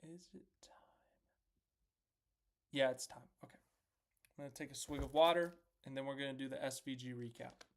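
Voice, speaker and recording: A man hosting a casual racing recap live stream, chatty and self-deprecating, reacting out loud as he works through standings on screen. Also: medium pitch, steady tone, fast talker. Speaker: host of a racing recap livestream.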